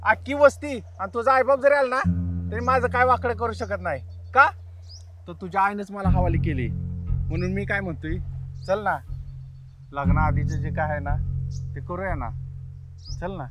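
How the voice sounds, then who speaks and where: A man playing a leering village bully, high-voiced. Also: moderate pace, long pauses, music in the background, close to an everyday voice. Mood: menacing. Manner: taunting, bullying. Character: pushy, leering village man who stalks a woman. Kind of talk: web series acting.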